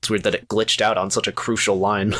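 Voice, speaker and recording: A man's voice: fairly low pitch, flat delivery, fairly quick, noisy background. A man giving casual commentary as he plays through a game. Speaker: gamer commenting on playthrough.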